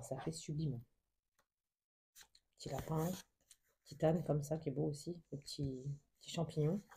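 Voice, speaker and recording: A woman vlogger showing a book haul in casual show-and-tell, soft and hesitant, full of fillers and gushing over every little picture. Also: low-pitched, slightly rough. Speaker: craft vlogger.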